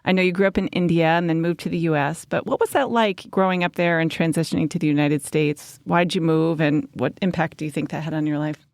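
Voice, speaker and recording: A woman's voice: low-pitched, fairly even intonation, brisk, hardly any pauses, darkish tone, no room sound, clean studio sound. Curious woman hosting a podcast. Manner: friendly, curious questioning. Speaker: podcast host. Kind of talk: podcast interview. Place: recording studio.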